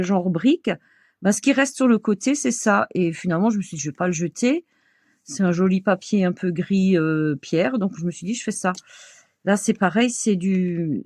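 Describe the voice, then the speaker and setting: A woman's voice: medium pitch, no echo, clean studio sound. Chatty older woman with an Alsatian accent. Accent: Alsatian French. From Alsace, France. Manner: chatty, homely, many small fillers and soft laughs. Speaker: craft vlogger. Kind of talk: casual show-and-tell chat.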